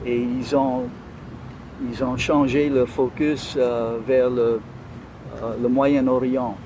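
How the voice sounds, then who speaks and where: Guy with a cajun louisiana french accent, interview chat, keeps pausing for words, noisy outside sound. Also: mid-range voice, level tone. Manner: hesitant, searching for words. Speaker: interview guest. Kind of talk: conversational interview.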